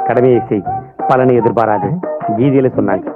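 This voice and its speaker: An actor playing a gullible, animated man in a Tamil film comedy. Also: mid-range voice, measured pace. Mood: mock-solemn. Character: gullible, animated comic man borrowing money. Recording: dull lo-fi film audio, music behind.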